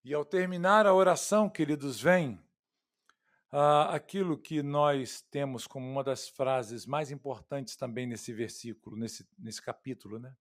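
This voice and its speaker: A pastor with a Brazilian Portuguese accent preaches an expository sermon, swinging between loud, emphatic lines and hushed, quiet ones while calling his listeners "queridos" and "irmãos." His medium-pitched voice is unhurried.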